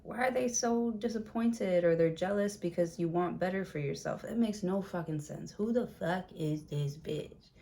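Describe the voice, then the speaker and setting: A woman's voice: fairly low pitch, normal speed, few pauses, warm tone. A woman giving a casual tarot reading, blunt and chatty with plenty of swearing, in a room with a window open. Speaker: tarot reader.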